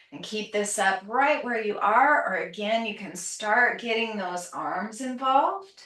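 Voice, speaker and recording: In a roomy space, a little far from the microphone, a woman leads a calm grounding exercise as a yoga teacher. She gives breath and movement cues very slowly, in a gentle, soothing manner at a medium pitch. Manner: gentle, soothing, unhurried instruction. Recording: roomy echo, distant microphone.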